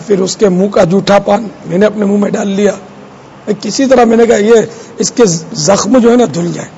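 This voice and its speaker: Man, sermon storytelling, mellow dark voice, faint background noise. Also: high-pitched, gravelly, lo-fi sound. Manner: conversational, addresses the audience. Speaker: preacher.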